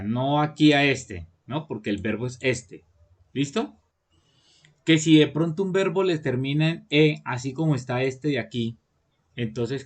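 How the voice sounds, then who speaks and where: Patient teacher checking understanding. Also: male voice, medium pitch. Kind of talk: online class explanation.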